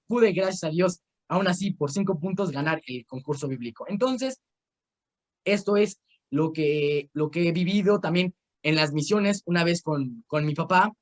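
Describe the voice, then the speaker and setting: Over a video call, a high-voiced young man with a Mexican Spanish accent leads a casual Bible course. His personal anecdotes and game directions wander, packed with filler words and false starts.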